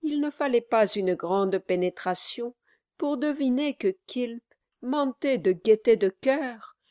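Slow, measured female audiobook narrator. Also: a little high, lively intonation, warm tone, no echo, studio quality. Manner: measured, literary storytelling.

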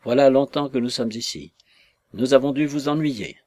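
A man's voice: medium pitch, normal speed, a little mellow, no echo, natural voice. A man voicing a jovial, glib young man who talks with a hearty laugh.

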